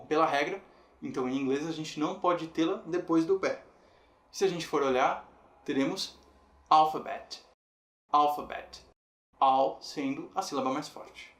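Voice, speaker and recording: A man with a slightly high voice gives a patient, explanatory video lesson. He slows down to spell out how each word is said. The room around him rings with a noticeable echo. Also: a bit bright. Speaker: English teacher. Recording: roomy echo.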